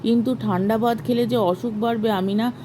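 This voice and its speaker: A woman voicing a poor, gentle aging village farmer in a storybook reading, speaking softly and pleadingly. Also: on the high side, steady tone, fairly quick, noisy background, lightly acted. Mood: weary. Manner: soft, pleading, tearful.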